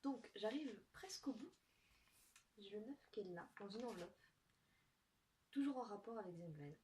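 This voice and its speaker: A young woman talks casually to her viewers while opening presents. She is soft-spoken and giggles often, musing aloud as she goes. Her voice sits at a middle pitch and sounds a little distant, with faint noise in the background. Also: animated, moderate pace. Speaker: vlogger opening gifts. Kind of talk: casual unboxing chat to camera.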